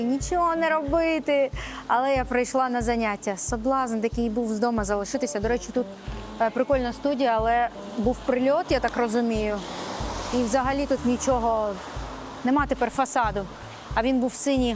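A woman's voice: fairly high pitch, fairly even intonation, fairly quick. A woman vlogging casually from a music studio, chatty and self-mocking. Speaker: vlogger and singer. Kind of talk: casual self-filmed vlog.

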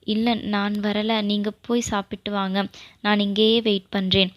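Audio-novel heroine: a shy, hesitant young woman voiced by the female narrator, in an even, level tone. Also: mid-range voice, measured pace, no room sound, lightly acted. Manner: hesitant, apologetic.

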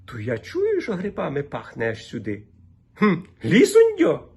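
A man voicing a gossipy old village woman who speaks in a Volhynian dialect, chattering rapidly in a raised pitch. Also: wildly swooping pitch, gravelly, slightly rough, full character voice. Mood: fretful.

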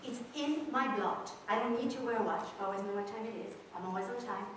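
A woman's voice: fairly high pitch, fast, background noise. Woman lecturing in an echoey hall. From Switzerland. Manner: direct, animated, pacing the stage. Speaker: guest speaker on business culture. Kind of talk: public lecture. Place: large auditorium with audience. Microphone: far camera in the audience. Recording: echoey hall recorded from far off.

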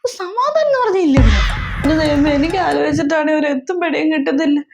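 A woman's voice: sits high, expressive, fast talker, background noise. A woman playing a melodramatic middle-aged mother in a comedy sketch, scolding and lamenting over and over. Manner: scolding, wailing, repeats herself. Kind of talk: comedy sketch role-play.

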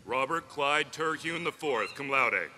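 A man reading out graduates' names one by one at an outdoor commencement ceremony, steady and formal into a podium mic. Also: mid-range voice, a little slow, slight background noise. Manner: steady, clear formal announcing. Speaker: commencement name reader.

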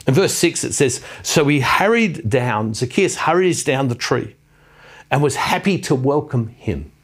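A man's voice: mid-range voice, animated, a little slow. A middle-aged man giving a reflective sermon on scripture, earnest, repeating his phrases and putting questions to his listeners.

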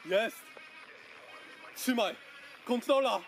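A young man shouting excited encouragement to a friend during an outdoor workout. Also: very high-pitched, drawn-out words, over loud music.

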